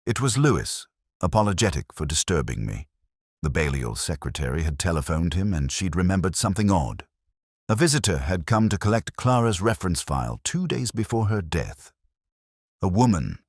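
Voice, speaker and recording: A man with an extremely deep voice narrates a detective mystery in the first person, slow-minded and deliberate in his phrasing, measured and brooding. His pitch still moves expressively from line to line, and the sound is dry with no room or echo.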